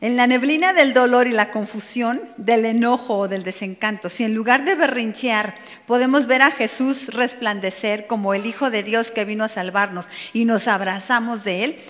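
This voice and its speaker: Her voice is fairly high and fairly bright as she preaches a sermon to a gathering of women, chatting straight to them and slipping in playful remarks. The church meeting hall adds a long reverb to the recording.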